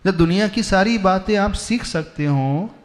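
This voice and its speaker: Slow, higher-voiced monk preaching. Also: male voice, expressive. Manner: slow, emphatic teaching with rhetorical questions. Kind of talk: sermon.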